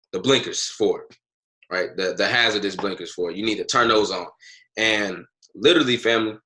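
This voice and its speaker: Bright-voiced young man giving a pep talk. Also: mid-range voice. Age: 20s. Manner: preachy, repeats "right?" and "family" to listeners. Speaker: motivational speaker on a team call. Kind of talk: motivational talk.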